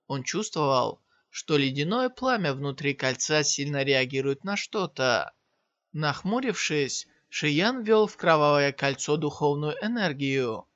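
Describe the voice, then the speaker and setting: A man reads a novel aloud in a steady, scripted storytelling manner. His voice sits fairly high. The recording is dry and slightly dull. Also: dry recording. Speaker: audiobook narrator. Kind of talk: scripted narration.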